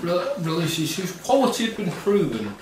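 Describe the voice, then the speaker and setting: A man's voice: high voice, big pitch swings, moderate pace. A man co-hosting a casual film discussion, opinionated and emphatic, with casual swearing. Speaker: co-host. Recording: roomy echo, distant mic, faint noise.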